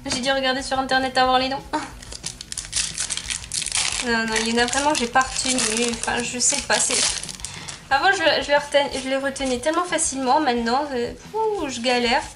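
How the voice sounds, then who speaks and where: A woman's voice: high voice, a little fast, pauses often, background noise. A woman YouTuber giving casual, chatty commentary as she opens card packs, reading off card names and laughing often.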